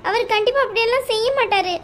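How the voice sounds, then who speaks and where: A woman's voice: very high voice, fast, fairly bright tone, a little hiss or hum. A woman voicing a young, newly married wife who pleads tearfully with her mother-in-law in an amateur audio drama. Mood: pleading.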